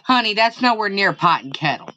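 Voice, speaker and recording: A woman's voice: mid-range voice, lively intonation, brisk, bright, forceful tone, highs cut off, a little hiss or hum. A woman co-host teasing her partner in casual banter. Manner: teasing, drawling. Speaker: podcast co-host.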